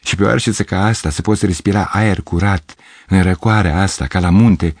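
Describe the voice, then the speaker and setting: A man's voice: sits low, steady tone, no echo, clean studio sound. A man reading an audiobook, voicing a fussy, apologetic middle-aged piano teacher who dreams of pure art.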